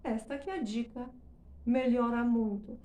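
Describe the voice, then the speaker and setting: A woman's voice: a little high, fairly even intonation, warm tone, roomy sound, a little hiss or hum. A woman teaching English pronunciation in Portuguese, stressing words emphatically and checking in with frequent short questions. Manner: emphatic, drawn-out demonstrations of words. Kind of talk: explanatory lesson.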